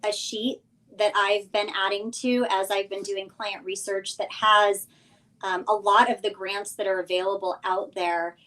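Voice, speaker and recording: A woman's voice: medium pitch, a bit bright, low-quality recording. A woman speaking informally as a guest coach on a livestream, explaining details and encouraging listeners to act. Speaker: business coach, guest sponsor. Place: remote live video stream.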